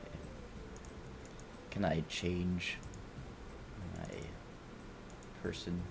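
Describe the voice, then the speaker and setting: A man's voice: sits low, little pitch movement, extremely slow, vocal fry, noisy background. A man streaming a video game, rambling and swearing as he talks to himself and his viewers. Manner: rambling, profane, self-talking. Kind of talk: casual gameplay commentary.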